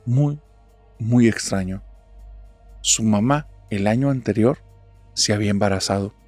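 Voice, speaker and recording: A man's voice: medium pitch, no echo. Man narrating a horror story, dry sound. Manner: dramatic, hushed at tense moments. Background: faint music.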